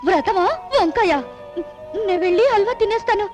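An actress playing a devout, fussy young wife in a film scene, talking in a pleading, dramatic way. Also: female voice, extremely high pitch, brisk. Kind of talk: film dialogue. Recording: music score behind.

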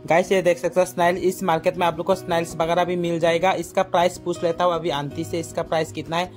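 Holding his phone at arm's length, a young man vlogs his way through an outdoor market, chatting to viewers he calls "guys" and asking prices along the way. His voice is fairly high and flat, his pace quick, with soft music playing underneath.

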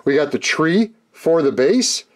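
A man hosting a casual model-kit build walkthrough from his hobby workshop, chatting along with playful, deadpan jokes. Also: a little high, measured pace. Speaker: hobby channel host.

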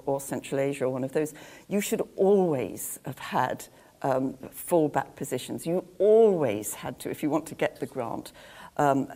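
Older woman panelist, dark mellow tone, hesitant delivery full of restarts. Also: rumbling low. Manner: hesitant, many restarts, gesturing. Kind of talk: panel discussion. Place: large room with a seated audience.

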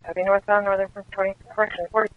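A man working as a police dispatcher, heard over a police radio channel, reading back locations in a clipped, flat way. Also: sits high, very fast. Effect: police radio transmission. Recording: tinny dry radio channel.

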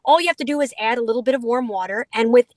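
Talking very fast in a voice on the high side, a middle-aged dog food company representative explains her product with enthusiasm and playful asides. She's on a video call from inside a vehicle, yet the audio is clean studio sound without echo.

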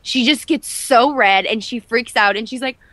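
A woman's voice: a little high, normal speed, a bit bright. A young woman in her twenties chats openly as an interview guest. She rambles a little, restarting sentences and padding them with fillers. The sound is close and dry, with no room echo. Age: 20s. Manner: chatty, candid, many fillers and restarts. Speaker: actress guest. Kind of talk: casual interview chat.

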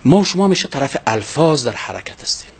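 Emphatic preacher man, lively pitch. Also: gravelly, slightly rough. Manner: emphatic, with rhetorical questions and recited verses. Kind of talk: sermon.

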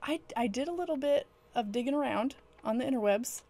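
A woman co-hosts a couch co-op game playthrough over background game music, laughing often as she explains the quests in detail in casual gameplay chat. Her voice is high, expressive and dark-toned, and she talks briskly.

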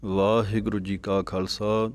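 A young man teaching careful scripture pronunciation, reciting lines slowly word by word and explaining pauses. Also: fairly low pitch, flat delivery. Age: young adult. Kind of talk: pronunciation lesson with slow recitation.

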